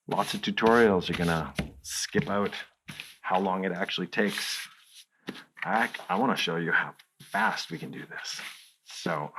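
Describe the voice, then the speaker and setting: A deep-voiced man talks through a hands-on crafts demonstration, joking and addressing the viewer directly as he works. His voice sits very low. A faint hiss of noise runs under the recording. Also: a little slow, pauses often, fairly bright tone. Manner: playful, chatty, talks to the viewer while working. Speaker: crafts tutorial host.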